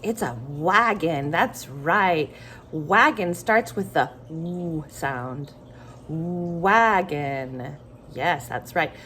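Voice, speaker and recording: Slow, lively woman teaching phonics. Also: deep voice, slight background noise. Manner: slow, encouraging teacher talk with sing-song questions. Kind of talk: early-reader phonics lesson.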